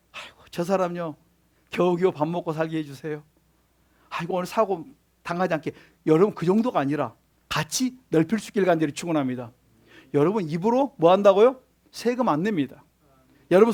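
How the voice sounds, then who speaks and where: A male pastor preaching a sermon in church, often putting questions to the congregation and answering them. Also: very high voice. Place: church sanctuary.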